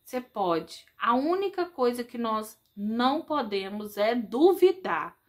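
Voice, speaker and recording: High-voiced, animated Brazilian woman catechist. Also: takes it slowly. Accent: Brazilian Portuguese. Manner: animated, conversational, addresses listeners as "gente". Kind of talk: religious reflection talk.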